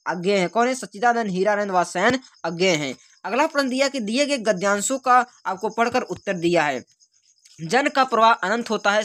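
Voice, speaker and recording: A teacher working through an exam paper, reading each question and then repeating the answer as a quick quiz. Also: medium pitch, fairly bright tone. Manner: unscripted, with restarts and filler sounds. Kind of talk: exam paper walkthrough lesson.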